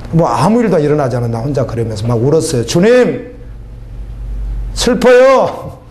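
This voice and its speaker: A man's voice: mid-range voice, animated, rapid-fire, warm tone. A middle-aged man preaching a sermon as a pastor, emphatic, with rising exclamations and rhetorical questions. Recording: faint background noise.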